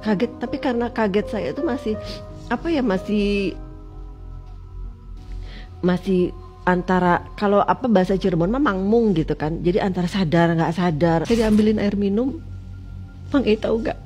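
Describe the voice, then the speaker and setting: A woman from West Java recounts a personal ordeal as an interview guest, with a voice of middling pitch for a woman. She drops into hushed, lowered stretches and then breaks into loud, urgent cries. Soft music plays quietly behind her. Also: normal speed, pauses often. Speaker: guest telling her experience. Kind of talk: emotional personal storytelling.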